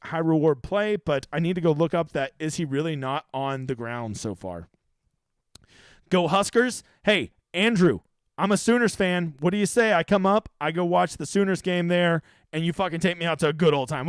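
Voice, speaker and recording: A man in his thirties hosts a livestream, answering viewer questions in a casual, profane, brash and rambling chat. His voice is high, and the sound is clean studio audio with no echo.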